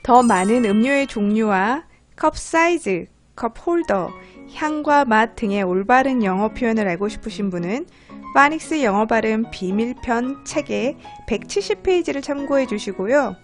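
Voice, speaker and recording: A woman's voice: on the high side, expressive, normal speed, soft background music. A woman narrating a pronunciation lesson, speaking carefully and repeating each English word for the listener.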